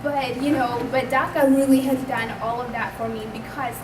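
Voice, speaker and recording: A young woman in her twenties from Pakistan, giving an earnest, conversational personal testimony at a community event and speaking up loudly. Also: high-pitched, steady tone, normal speed. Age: 20s. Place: community hall. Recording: echoey room, distant mic, background noise.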